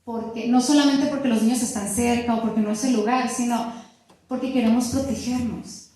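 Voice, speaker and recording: A middle-aged woman teaching a church class on marriage, talking in a lively, conversational way and acting out bits of dialogue. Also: fairly high pitch, moderate pace. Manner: lively and conversational, with laughs and acted-out quotes. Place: church hall. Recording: very echoey room.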